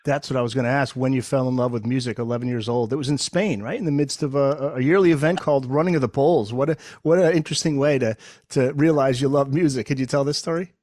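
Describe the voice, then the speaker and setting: A man hosting a podcast, reading a lively scripted intro and then interviewing his guest. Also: medium pitch, fast, no echo, clean studio sound. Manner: upbeat announcer-style delivery. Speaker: podcast host.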